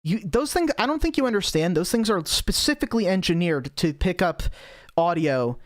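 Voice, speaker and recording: A man's voice: sits high, big pitch swings, normal speed, dry recording, studio quality. A man commenting on videos during a live stream, rambling and sarcastic, with a lot of swearing and filler words.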